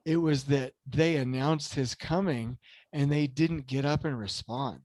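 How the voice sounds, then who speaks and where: A man's voice: mid-range voice, a little slow, a little mellow, no echo. A man hosting a casual motivational podcast, talking earnestly and at length with many restarts and fillers, growing impassioned. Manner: grows impassioned and emphatic. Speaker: podcast host.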